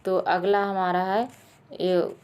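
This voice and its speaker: Woman, clear smooth voice, exam quiz teacher, talks straight to viewers, fillers and self-corrections. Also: medium pitch, level tone, takes it slowly, a little mellow. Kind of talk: quiz lesson explaining answers.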